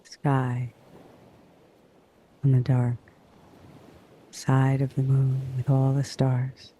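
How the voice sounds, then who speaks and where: A man guides a sleep hypnosis in a hushed, soothing voice, stretching out phrases and leaving long pauses. His medium-pitched delivery is completely flat, and a little hiss or hum can be heard.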